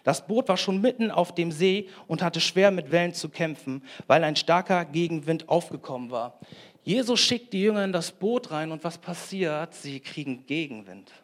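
A man preaching a sermon to a congregation, energetic and emphatic, putting direct questions to the listeners. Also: a little high, normal speed. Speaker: lay preacher. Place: church hall with congregation.

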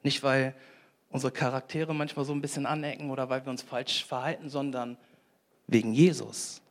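A man preaching a sermon to a congregation, energetic and emphatic, putting direct questions to the listeners. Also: medium pitch, moderate pace. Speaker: lay preacher. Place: church hall with congregation.

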